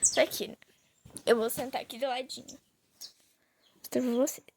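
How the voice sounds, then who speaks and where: A woman's voice: high-pitched, level tone, moderate pace, gravelly, darkish tone, a little hiss or hum. A young Brazilian woman chatting casually to viewers while playing a phone game, talking to them constantly. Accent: Brazilian Portuguese. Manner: chatty, addresses viewers often. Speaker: gaming vlogger. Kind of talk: casual gameplay chat. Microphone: phone recording.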